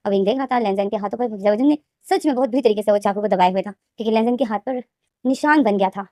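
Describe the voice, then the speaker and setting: Fast-talking woman retelling a story. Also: mid-range voice, dark tone, dry recording, studio quality. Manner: rapid, repetitive storytelling. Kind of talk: casual fan-fiction retelling.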